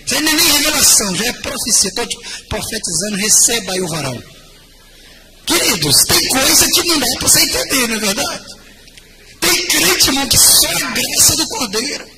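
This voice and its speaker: An older man, a pastor telling his testimony in animated storytelling with bursts of shouted praise. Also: very high voice, fairly quick. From Rio de Janeiro, Brazil. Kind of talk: testimony sermon. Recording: loud background noise.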